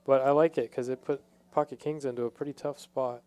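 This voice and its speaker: A man commentates a poker game casually, in a relaxed, warm tone. His voice is smooth and clear, and he pauses and hesitates as he thinks each hand through. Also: mid-range voice.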